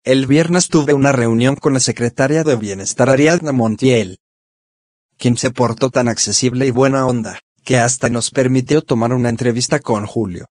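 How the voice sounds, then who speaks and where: A synthetic male text-to-speech voice, reading a scripted first-person diary in a measured, slightly stiff way. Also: medium pitch, darkish tone, no echo, clean studio sound. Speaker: columnist narrating his weekly diary.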